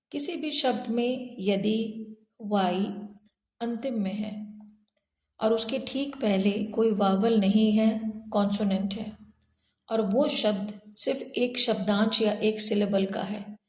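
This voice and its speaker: Slow, mellow woman teacher in an echoey room. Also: medium pitch. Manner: slow, careful, stretches out example words. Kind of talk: phonics lesson explanation.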